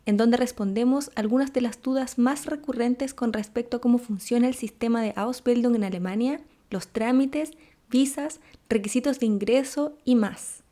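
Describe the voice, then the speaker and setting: With a mellow voice pitched a little high, a woman speaks at normal speed as she opens her Spanish-language interview show from a script and questions her guest as host.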